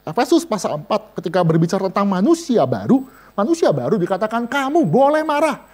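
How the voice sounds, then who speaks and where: A man delivers a sermon. His pitch swings widely as he jokes and talks straight to his listeners. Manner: lively, joking, addresses listeners directly. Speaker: vicar preaching to a women's and seniors' Bible study.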